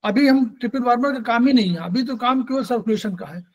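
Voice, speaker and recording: A man's voice: very high voice, fast, rough recording. A man teaching an acupressure class, explaining patiently and repeating key points, mixing English terms into his talk.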